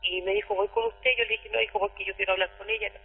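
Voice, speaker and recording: A middle-aged Chilean woman giving a halting, emotional account over the phone, often repeating herself. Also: fairly high pitch, very animated, creaky, slightly rough, soft background music. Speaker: caller recounting abuse. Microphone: telephone. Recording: tinny phone line with echo.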